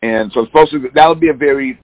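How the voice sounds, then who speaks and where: A man in his sixties, a musician appearing as an interview guest, chats in a loose, candid, rambling way. His mid-range voice moves fast, with no room sound, over a dull lo-fi line.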